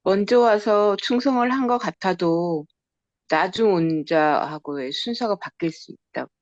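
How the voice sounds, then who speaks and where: A woman in an online Bible study giving slow, measured answers. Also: medium pitch, no room sound. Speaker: study participant. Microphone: video call. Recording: dry lo-fi video call audio.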